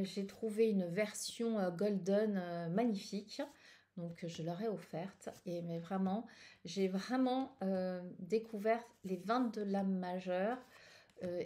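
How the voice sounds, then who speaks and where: A middle-aged woman chatting about her card decks in a mellow, relaxed voice. She hesitates often, trailing off and restarting her sentences. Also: medium pitch. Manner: hesitant, many fillers and restarts. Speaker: tarot channel host. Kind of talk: casual personal chat.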